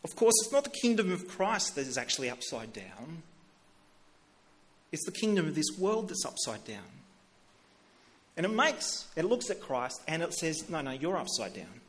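Middle-aged male preacher, relaxed conversational sermon delivery, voice a touch higher than usual, frequent restarts. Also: normal speed, pauses often. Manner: conversational, repeats words when starting sentences. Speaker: pastor.

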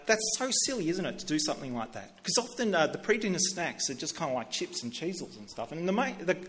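A man's voice: on the high side, fairly bright tone. A middle-aged man preaching a sermon in a conversational way, often repeating words as he starts a sentence. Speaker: pastor.

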